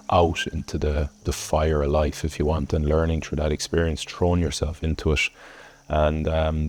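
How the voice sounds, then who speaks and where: Very deep-voiced Irish man, reflective. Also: a little mellow. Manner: reflective, earnest, many ums. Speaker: former rugby player, ultramarathon finisher. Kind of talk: documentary interview.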